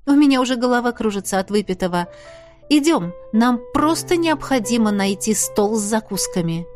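A woman voicing a lively young lawyer wife who talks brightly and teases. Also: fairly high pitch, soft background music, natural voice. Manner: bright, teasing, quick to exclaim.

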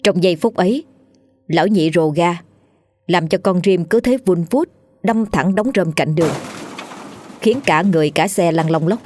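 Low-voiced woman telling a ghost story. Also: moderate pace, pauses often, a little mellow, slight background noise.

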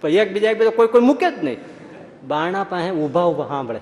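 A male preacher giving a sermon, telling lively stories and playing out their people. His voice sits fairly high. It carries through a large hall with long reverb and a faint hum underneath. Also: fast. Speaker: swami preacher. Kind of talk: storytelling sermon. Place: large hall at a religious school.

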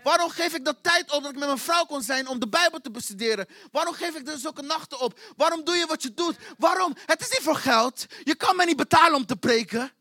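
A man preaches to his congregation with fervent, repetitive intensity, hammering the same question again and again. His voice sits very high for a man and rings bright and forceful. The sound is dry and close to the mic. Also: fairly quick, hardly any pauses, no echo. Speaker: pastor. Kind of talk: sermon. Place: church.

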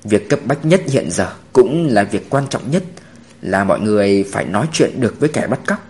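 A man voicing a calm male police officer who explains things in a measured way. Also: fairly low pitch, voice pushed down.

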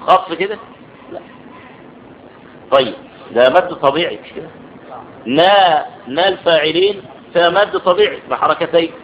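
A fairly high-voiced man with an Egyptian accent teaches a grammar class, explaining patiently and stopping to ask whether everyone follows. The recording sounds dull and lo-fi, with a faint hiss of noise behind him. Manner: explanatory, checks understanding with quick questions.

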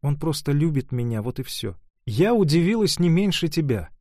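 A man voicing an earnest young woman in love, talking in an excited, pleading rush. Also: on the high side, moderate pace, dry recording, studio quality.

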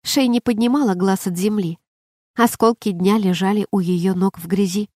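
A woman narrating an audiobook in an even, measured reading voice. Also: medium pitch, no echo, clean studio sound. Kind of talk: scripted narration.

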